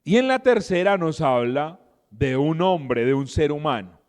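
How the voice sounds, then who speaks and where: Animated teacher, reverberant room. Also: male voice, on the high side, unhurried. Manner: animated, asks the listeners frequent rhetorical questions. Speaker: Bible teacher and podcast host. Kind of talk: conversational Bible teaching.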